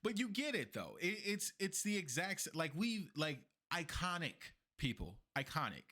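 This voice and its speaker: A man's voice: fairly high pitch, sing-song, normal speed, bright, forceful tone. A man co-hosting a podcast in casual chat, talking emphatically and repeating himself for effect. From not from New York. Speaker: podcast co-host.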